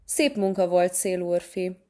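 A woman voicing an eager, kind little female kitten, a younger sister in a children's storybook, speaking with excitement. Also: lowish voice, close to an everyday voice.

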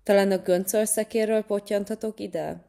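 A woman's voice: mid-range voice, fairly even intonation, vocal fry, dark tone, lightly acted. A woman voicing a small, tearful lost star in a children's storybook, speaking timidly and plaintively. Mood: frightened.

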